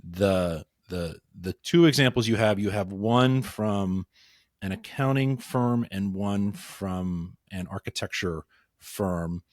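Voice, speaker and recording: Low-voiced guy cohosting, kinda sarcastic, lots of restarts, dry close mic. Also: takes it slowly, no room sound. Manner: wry, sarcastic, many restarts. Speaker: podcast co-host. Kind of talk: casual business chat.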